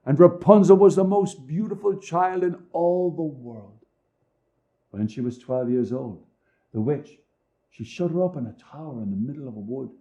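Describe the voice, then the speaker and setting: A man performing a fairy tale aloud, varying his loudness and pace for drama. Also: a little high, normal speed, highs cut off. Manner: expressive, swinging loudness and pace for effect. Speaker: storyteller.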